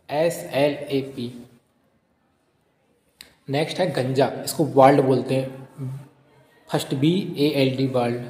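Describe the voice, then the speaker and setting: A man teaching English vocabulary, reading out each word and then slowly spelling it letter by letter in a steady dictation. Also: mid-range voice. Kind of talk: vocabulary lesson, spelling words aloud. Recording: roomy echo with long reverb.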